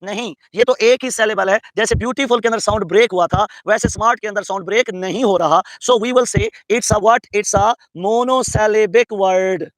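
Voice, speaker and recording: A man's voice: sits high, brisk, few pauses, fairly bright tone, no echo, low-quality recording. A man from Pakistan teaching an English grammar lesson. He asks students questions, answers them himself, and spells out English terms carefully. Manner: calls students "beta". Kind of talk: classroom lecture mixing English and Urdu.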